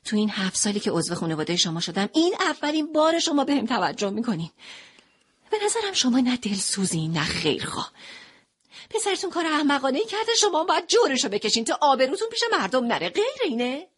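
A woman narrating a dramatic first-person audio story in an expressive way, moving between quiet narration and impassioned passages. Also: high voice, slightly rough.

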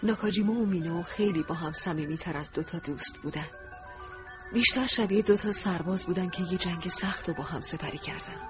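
A man narrating a first-person audiobook in a soft, reflective, emotive way. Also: high-pitched, over music. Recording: dull lo-fi recording.

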